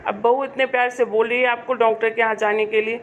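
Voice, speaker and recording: A woman plays an impatient grown son who scolds his mother in a homemade family drama. The voice sits fairly high for the role. The recording is dull and lo-fi, with a faint hiss. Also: little pitch movement, quick pace, lightly acted. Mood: scolding. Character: irritable adult son who trusts his wife.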